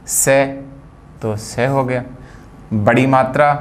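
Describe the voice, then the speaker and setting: A man's voice: mid-range voice, fairly even intonation, slow. A man from India teaching a phonetics lesson, explaining patiently and spelling out words sound by sound. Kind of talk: phonetics lecture.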